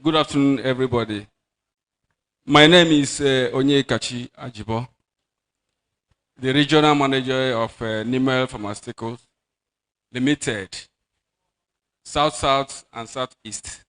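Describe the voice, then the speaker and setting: A man's voice: medium pitch, measured pace, pauses often, a bit bright. A man, a company regional manager, giving a polite and formal speech at an event with some hesitant fillers.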